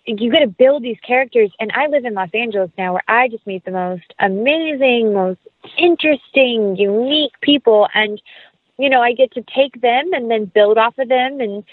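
A woman who is an actress and writer appears as an interview guest, chatting casually and effusively about her creative work with plenty of enthusiasm. Her voice is fairly high, at normal speed with no echo, though the recording sounds thin, like a phone.

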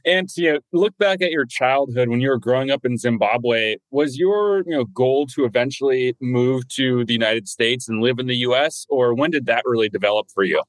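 A man's voice: mid-range voice, normal speed, hardly any pauses, no echo, poor audio. A man hosting an interview podcast, upbeat and asking short follow-up questions. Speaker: podcast host.

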